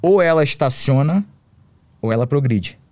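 Brief: man, podcast guest, animated storyteller, dry close sound. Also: fairly high pitch, normal speed, dry recording. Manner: slangy, animated storytelling full of swearing. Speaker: podcast guest, MMA coach. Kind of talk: casual storytelling.

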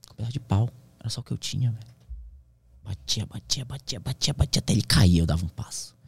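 A man's voice: on the low side, animated, quick pace, vocal fry, husky, no room sound. A man, a pilot who is a podcast guest, telling his survival story in a slangy, intense way that sometimes drops to a whisper. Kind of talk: emotional storytelling in casual conversation.

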